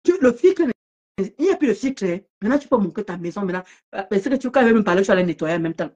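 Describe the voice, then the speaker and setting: A woman ranting casually on a live stream about an online feud, mocking and laughing loudly, talking fast in bursts. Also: mid-range voice, lively intonation, lo-fi sound.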